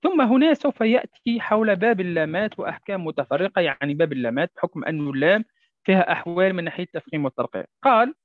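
Man teaching tajweed, drawn-out examples. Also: sits high, animated, dry recording. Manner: slowly drawls out example words, repeats them for drilling. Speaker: Quran recitation teacher. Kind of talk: tajweed lesson explaining a didactic poem. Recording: dry, dull lo-fi sound.

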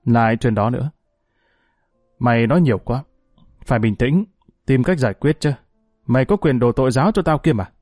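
A man plays a worn-out prisoner who brushes others off with short, irritated replies. Mellow tone, dry and close. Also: medium pitch, a little fast, long pauses, dry recording, faint music behind, close to an everyday voice. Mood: curt. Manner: curt, snapping. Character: weary, irritable male prisoner.

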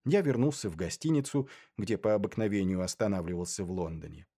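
A man reading first-person literary narration in a measured, dry and ironic way. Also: on the low side, warm tone. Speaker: audiobook narrator.

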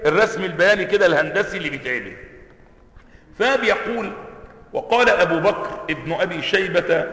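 High, bright Egyptian sheikh teaching. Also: male voice, vocal fry. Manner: explains, asks the class questions, repeats words to demonstrate pronunciation. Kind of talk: classroom lecture on Quranic sciences. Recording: echoey hall, long reverb.

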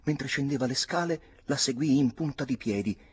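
A man reading a novel aloud in the first person, hushed and often dropping to a whisper. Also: medium pitch, normal speed, breathy edge. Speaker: audiobook reader.

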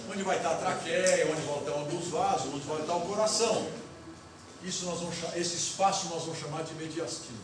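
Guy teaching a class, drawing on the board as he goes, recorded from way back in a booming hall. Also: fairly even intonation, a little fast, far from the mic. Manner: explains step by step while drawing on the board, asks the class questions. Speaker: university lecturer. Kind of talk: classroom lecture. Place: lecture hall. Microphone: recorder far off in the room. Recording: echoey hall recorded from afar, noisy.

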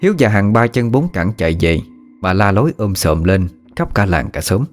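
Male storyteller, low register with animated pitch, dramatic ghost-story narration. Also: moderate pace. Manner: dramatic, hushed suspense. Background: faint music.

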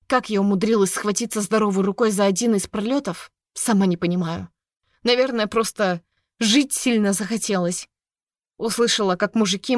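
A woman narrating a first-person novel in a steady, expressive storytelling voice. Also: mid-range voice, dry recording, studio quality. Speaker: audiobook narrator.

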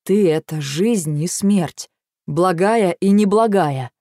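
A woman voicing an intense male warrior lover in an audiobook, speaking in a low, even manner. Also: slow pace, no echo, clean studio sound.

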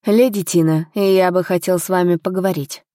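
A woman's voice: on the low side, fairly even intonation, moderate pace, mellow, no room sound, studio quality, close to an everyday voice. Woman reading an obliging male steward. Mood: respectful.

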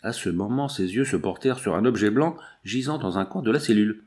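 A man with a voice on the low side narrates a novel as an audiobook, delivering scripted narration in steady, measured storytelling.

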